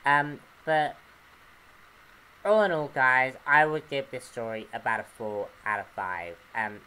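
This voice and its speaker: Slow, hesitant man reviewing comics. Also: mid-range voice, sharp tone, smooth, rough recording. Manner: hesitant, pauses often to search for words. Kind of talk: unscripted review monologue.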